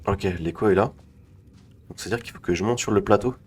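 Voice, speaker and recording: A man's voice: lowish voice, brisk, a little hiss or hum. A man with a French accent giving casual let's play commentary, thinking aloud and talking to his viewers. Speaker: gamer streamer.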